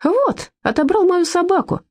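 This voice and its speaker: A woman voicing a spiteful, mocking man who bullies people with his dog, shouting and whining by turns. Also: extremely high pitch, lively intonation, moderate pace, no echo, studio quality, voice pushed up. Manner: mocking, shouting, whiny when complaining. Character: spiteful jeering man, dog owner bully.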